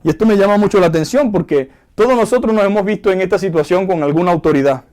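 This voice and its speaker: Venezuelan pastor guy preaching, earnest, talks right at the congregation, pretty high voice. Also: quick pace, a little mellow. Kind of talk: sermon.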